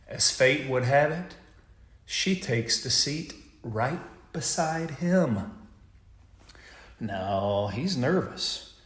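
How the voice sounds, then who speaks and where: Man, podcast host, animated joke telling, folksy asides, roomy echo. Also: medium pitch, very slow. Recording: echoey room.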